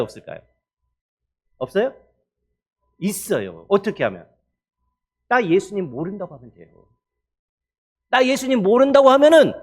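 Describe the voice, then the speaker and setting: High-voiced pastor questioning his congregation. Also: slightly rough. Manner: asks the congregation questions and acts out voices of the persecuted. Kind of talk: sermon.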